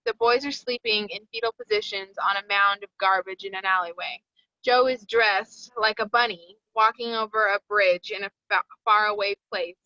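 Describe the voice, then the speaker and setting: Expressive and at normal speed, a woman narrates stage directions during a table read. Her voice is bright and mid-pitched, and the very dry recording has no echo and slightly dull fidelity.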